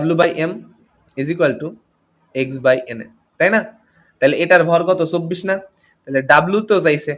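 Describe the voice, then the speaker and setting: A tired man teaching chemistry in a live online class, greeting students by name as he goes. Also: sits high. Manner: reads out comments and greets students by name, mixes English terms. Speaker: chemistry tutor.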